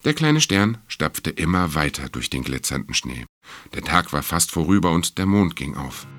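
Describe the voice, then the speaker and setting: A man calmly and gently reading a children's story aloud. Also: rumbling low, moderate pace.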